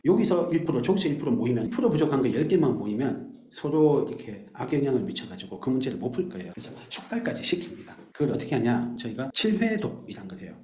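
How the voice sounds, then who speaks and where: Fast-talking man teacher, echoey room. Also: medium pitch. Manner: brisk, animated explainer who acts out teachers and students. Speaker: math academy teacher. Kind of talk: explaining class methods to parents.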